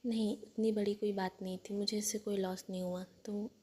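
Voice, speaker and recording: A calm, confident young boss speaks in a soft, breathy tone, as a woman storyteller reads his lines. His delivery is even and flat, in a plain storybook way. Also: medium pitch, normal speed, close to an everyday voice.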